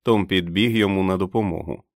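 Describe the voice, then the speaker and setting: A man narrating an audiobook in a measured, even reading voice. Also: low-pitched, no echo, clean studio sound. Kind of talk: scripted narration.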